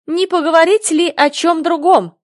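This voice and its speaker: Lady doing a grumpy hare guy, whiny high voice, bored and drawly. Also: expressive, measured pace, dry recording, clean studio sound. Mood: grumbling. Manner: grumbling, drawling.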